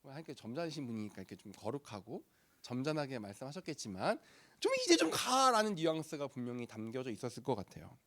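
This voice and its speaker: A young man preaching to a youth group, lively and playful, acting out voices in the story. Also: medium pitch, fast talker. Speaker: youth pastor.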